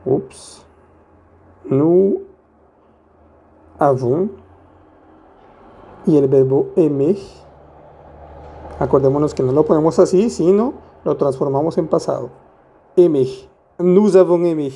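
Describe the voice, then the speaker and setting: A male teacher walks through a grammar lesson at an unhurried, deliberate pace. His voice is deep-toned and mellow, sitting a little high for a man. He is patient and playful, asking questions of the listener as he explains each step. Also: gravelly, lo-fi sound. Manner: patient, asks rhetorical questions, playful asides. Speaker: French teacher.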